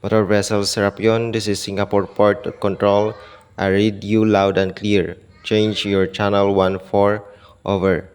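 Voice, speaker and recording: A man working as a port control operator, speaking in flat, formal radio procedure heard over a marine radio. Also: on the low side, measured pace, echoey room, long reverb tail. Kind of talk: scripted marine radio exchange.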